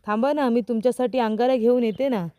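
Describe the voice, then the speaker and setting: A woman's voice: fairly high pitch, fast, warm tone, lightly acted. A woman voicing an anxious young wife. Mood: soothing. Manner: pleading, anxious questions.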